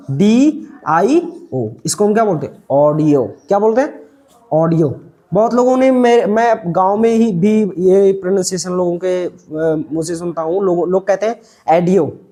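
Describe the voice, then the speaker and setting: A man's voice: high-pitched, mellow. A man teaching English pronunciation, repeating each word and asking himself what it is read as before answering. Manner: repeats words and quizzes himself with questions; stretches out key sounds slowly. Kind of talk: pronunciation lesson.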